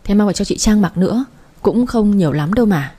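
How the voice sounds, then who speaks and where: A woman's voice: mid-range voice, expressive, fast talker, warm tone, husky. A woman voicing an anxious, earnest young man in a storybook reading. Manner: fretful, pleading.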